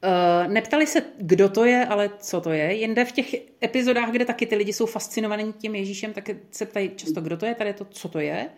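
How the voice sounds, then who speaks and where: A woman with a medium-pitched voice leads a small group Bible study through a passage in a relaxed, chatty, thoughtful way. She thinks aloud, restarts sentences, and fills her pauses with many fillers.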